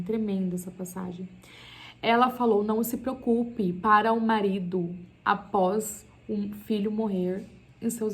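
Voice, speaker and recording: Chatty woman talking through a Bible story. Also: mid-range voice. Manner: chatty and emphatic, reads scripture aloud then comments, laughs at herself. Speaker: Bible teacher on video. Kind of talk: casual Bible study talk to camera.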